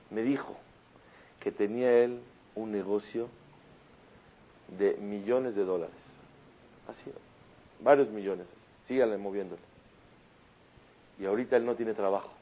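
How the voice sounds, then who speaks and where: A rabbi giving a Torah lesson in a sermon style, telling parables animatedly and mixing in Hebrew terms. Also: male voice, on the low side. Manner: animated storytelling, acting out voices of a child and father; mixes Hebrew terms into his talk. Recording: slightly dull lo-fi recording.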